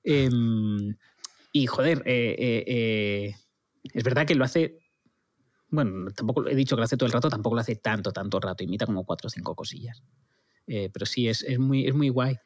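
Hesitant man, mid-pitched. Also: normal speed. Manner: hesitant, many fillers and restarts, reflective. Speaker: comedy teacher and podcast co-host. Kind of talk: casual podcast chat.

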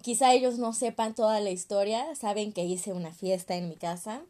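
A young woman with a Mexican accent, telling a story in casual chat, animated and slangy, acting out what people said. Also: medium pitch, moderate pace. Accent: Mexican Spanish. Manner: animated, acts out quoted voices, slangy.

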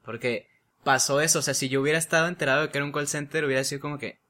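A man's voice: on the high side, fairly even intonation, racing, bright, forceful tone. A young man with a Mexican Spanish accent, chatting casually and telling a story full of slang, often laughing. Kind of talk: casual chat.

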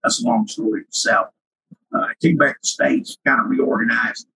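Older man with a cracking, husky voice. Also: a little high, big pitch swings, moderate pace, pushed and bright, poor audio. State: sinus trouble. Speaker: interview guest, retired researcher. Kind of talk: casual reminiscing.

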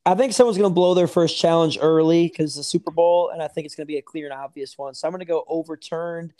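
Male co-host, relaxed and joking, a touch high-pitched. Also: quick pace, no echo, clean studio sound. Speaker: podcast co-host. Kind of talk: casual podcast chat.

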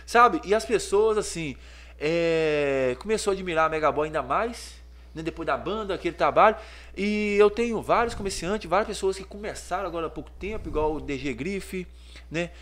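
A Brazilian man, a clothing store owner, telling lively stories in a casual podcast interview and acting out the voices of people in them. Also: on the high side, normal speed. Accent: Brazilian Portuguese. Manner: lively storyteller, acts out voices and sounds.

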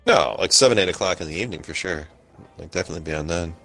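A man co-hosting a podcast, excitable and swearing freely in casual banter. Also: sits low, racing, vocal fry, soft background music. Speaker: podcast co-host.

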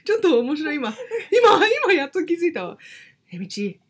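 A woman around thirty co-hosting a casual podcast, reacting with laughter and quick, animated asides. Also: very high voice. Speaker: podcast co-host. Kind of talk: casual chat.

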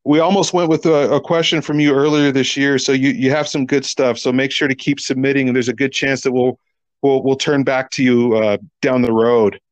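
A man's voice: medium pitch, steady tone, fairly quick, no echo. A man co-hosting a casual sports podcast, making sarcastic points with rhetorical questions. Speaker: podcast co-host.

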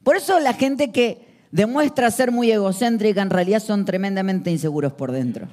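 A man's voice: high voice, lively intonation, moderate pace, a little mellow. A man preaching a sermon, emphatic and full of rhetorical questions.

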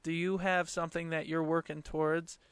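A man's voice: on the high side, level tone, a little fast, a bit bright, clear, resonant tone, no room sound. A man in his late twenties hosting a casual solo podcast from a small closet, talking in an informal, earnest, conversational way. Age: late 20s. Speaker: podcast host.

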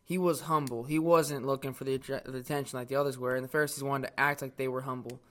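Co-host, male, medium pitch, thoughtful, filler-heavy. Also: flat delivery, fast, fairly bright tone. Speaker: co-host of a Bible talk. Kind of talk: casual faith discussion.

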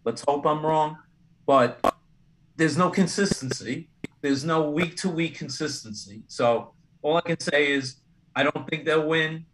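An older man on a casual sports talk panel, measured and skeptical in his opinions. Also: on the high side, fairly bright tone, rough recording.

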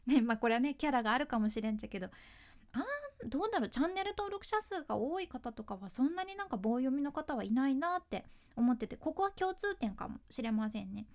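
A woman's voice: high voice, very animated, fast. A woman with a Fukuoka accent, a freelance announcer and speaking coach, telling stories in a casual solo talk, laughing often and acting out quotes. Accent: Fukuoka Japanese. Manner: chatty storytelling, frequent laughs, acts out quotes.

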